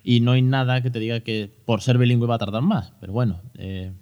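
A man's voice: medium pitch, steady tone, fairly quick, dull audio. A man in his thirties with a Spain Spanish accent hosting a casual podcast, chatty and joking, with many fillers and restarts. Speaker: podcast host. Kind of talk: casual educational podcast talk.

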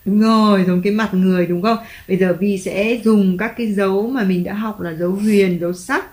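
A mother patiently teaching her child letters and tone marks at home, slowly drawing out the spelling and praising often. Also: medium pitch, fairly even intonation, darkish tone. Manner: patient, encouraging, drawn-out spelling. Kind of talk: home reading lesson for a child. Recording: echoey room, faint background music.

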